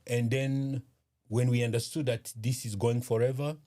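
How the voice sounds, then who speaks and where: A man from eastern Congo, speaking as a guest in an interview, measured and hesitant with many pauses and fillers. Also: medium pitch, flat delivery, mellow. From Eastern Democratic Republic of Congo. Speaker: guest, community organization founder. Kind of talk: interview conversation.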